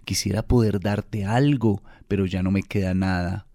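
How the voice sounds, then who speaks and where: A man voicing a gentle, generous male tree, speaking softly and tenderly. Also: low-pitched, steady tone, moderate pace, no room sound, clean studio sound.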